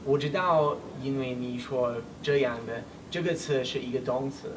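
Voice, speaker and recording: Halting foreign man speaking Mandarin, distant and noisy. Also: medium pitch. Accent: foreign, non-native Mandarin. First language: not Mandarin. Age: 20s. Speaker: learner of Chinese. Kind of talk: casual conversation in halting Mandarin. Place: small indoor room, seated on a sofa. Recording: distant mic, noisy room ambience.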